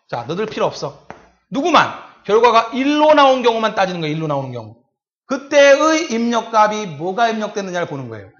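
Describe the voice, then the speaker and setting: A man lecturing in a high, very animated voice, drawing out each step of his explanation. He keeps checking whether his class understands. The recording sounds muffled and lo-fi. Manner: talks to the class with frequent check-ins and drawn-out step-by-step recitation. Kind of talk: recorded exam-prep lecture.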